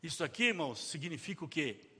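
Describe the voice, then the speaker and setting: A man's voice: fairly high pitch, sing-song, fast talker, husky, big-room sound. A man preaching a sermon in a dramatic way, calling out the cries he reads aloud. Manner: dramatic, shouting out quoted cries.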